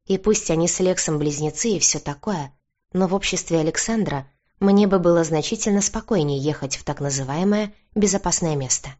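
Low-voiced woman narrating an audiobook. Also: a little fast, mellow, lo-fi sound. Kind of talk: first-person audiobook narration.

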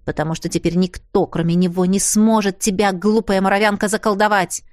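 A woman's voice: medium pitch, fairly even intonation, brisk, no echo, clean studio sound, pitched below the performer's own voice, lightly acted. A woman voicing a talkative, mocking male enchanted bracelet in an audiobook, speaking in a bossy, teasing manner. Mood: lecturing. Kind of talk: audiobook character voice.

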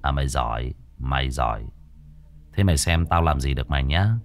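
A man voicing a calm, blunt, mocking male exorcist who gives orders. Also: a bass voice, a little fast, no echo, voice pushed down. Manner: calm, teasing, commanding.

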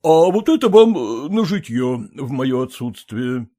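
A man's voice: mid-range voice, big pitch swings, a little slow, dark tone. A tearful, pleading nobleman. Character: sentimental, pleading aging nobleman. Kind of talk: audiobook character reading.

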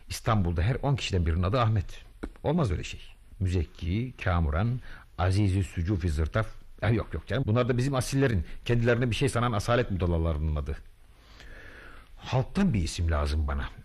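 A man's voice: low-pitched, a little mellow, husky. A man acting a vain, boastful would-be freedom hero in a radio drama, telling his deeds grandly and muttering to himself. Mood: musing. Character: boastful self-styled male freedom hero, pompous, vain.

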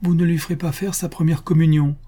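A man's voice: fairly high pitch, flat delivery, quick pace, dark tone, husky, voice pushed up. A man voicing a meddling, tearful older mother-in-law who pleads and insists, in a raised voice.

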